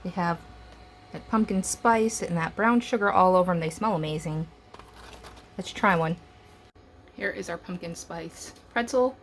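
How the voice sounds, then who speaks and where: A woman's voice: fairly low pitch, unhurried, long pauses, slight background noise. Chatty woman taste-testing snacks. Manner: chatty and enthusiastic, talks while chewing. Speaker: food vlogger. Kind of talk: casual cooking demo and taste test.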